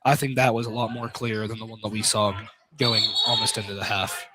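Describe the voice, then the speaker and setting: Over the noise of a live gym broadcast, a man calls radio play-by-play of a basketball game, adding casual, opinionated asides. His voice is lowish and steady, and he talks briskly.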